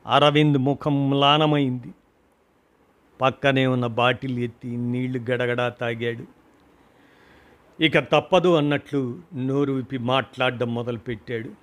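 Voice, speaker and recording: A man reading a short story aloud, expressive and emotional. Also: mid-range voice. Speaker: story reader. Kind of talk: dramatic audiobook narration.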